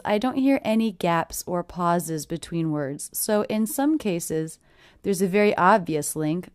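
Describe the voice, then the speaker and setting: A woman teaching English pronunciation, clearly and deliberately repeating short phrases. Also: fairly low pitch, darkish tone, no echo, clean studio sound. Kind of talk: pronunciation lesson.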